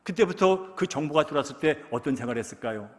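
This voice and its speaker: A man preaching a Sunday sermon as pastor. He acts out quoted cries in loud bursts and asks the congregation questions. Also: a little high, lively intonation, quick pace, big-room sound. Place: church sanctuary.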